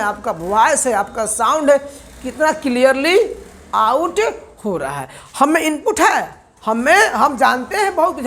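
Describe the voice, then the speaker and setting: A woman's voice: on the high side, a bit bright. A woman with an Indian accent teaching spoken English, asking questions and answering them herself, drilling words by repetition. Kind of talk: classroom-style language lesson.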